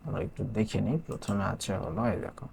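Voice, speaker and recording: A man's voice: lowish voice, brisk, creaky, darkish tone, a little hiss or hum. A young man with a Bangladeshi Bengali accent, casually talking students through a math textbook page step by step and checking in with them often. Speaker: math tutor. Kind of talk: casual classroom explanation.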